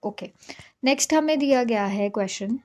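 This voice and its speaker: Woman teacher, fairly high voice, patient, step-by-step explaining, frequent check-ins. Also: moderate pace. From India. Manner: patient, repeats "ठीक है" to check understanding. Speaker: reasoning teacher. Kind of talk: exam-prep lesson at a whiteboard.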